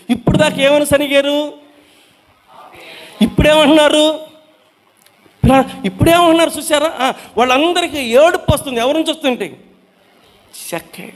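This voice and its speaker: A man with a strikingly high voice leads a Bible study. He calls his listeners children. He repeats his questions to the group and then answers them himself. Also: long reverb tail.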